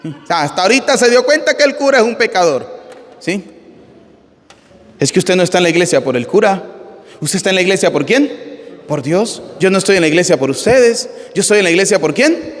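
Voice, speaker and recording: High-pitched guy priest giving a sermon, blunt, asks the crowd questions all the time, big echoey church. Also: expressive, a little fast. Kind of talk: live sermon on the Gospel. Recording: reverberant church hall.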